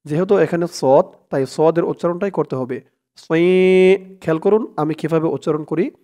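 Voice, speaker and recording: A man teaching Quran recitation, chanting verses slowly and drawn out, then explaining letters and vowel marks in quick asides and asking listeners to repeat after him. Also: a little high, mellow. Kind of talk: recitation lesson with call-and-repeat.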